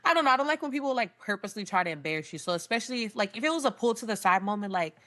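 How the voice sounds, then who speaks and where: A woman's voice: medium pitch, expressive, racing, fairly bright tone. A young woman co-hosting a casual podcast, rambling with lots of "like" and laughing often. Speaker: podcast co-host. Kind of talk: casual chat.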